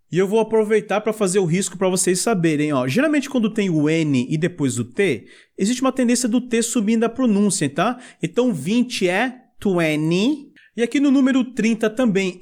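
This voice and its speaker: A man's voice: sits high, a little mellow. A man with a Brazilian Portuguese accent teaching a video lesson, explaining step by step and asking viewers to repeat after him. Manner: explains step by step, asks for repetition. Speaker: English teacher.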